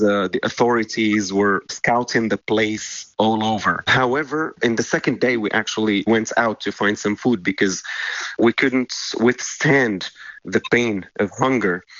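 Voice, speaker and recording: A man working as an interpreter, voicing an interviewee's account in the first person in a steady, measured way with small pauses. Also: lowish voice, no echo. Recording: dull, dry lo-fi recording.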